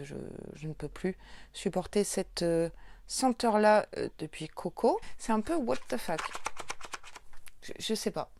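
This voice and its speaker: A woman's voice: medium pitch, a little mellow. A woman with a French accent, chatting casually through a beauty unboxing and gushing over each item. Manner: bubbly, gushing, with many fillers. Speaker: beauty youtuber.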